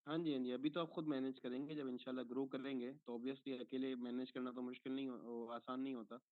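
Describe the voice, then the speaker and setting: A man's voice: mid-range voice, little pitch movement, fairly quick, no room sound. A man teaching an online course over a call, patiently answering a student's questions step by step and checking in after each point, heard through a tinny phone-like line.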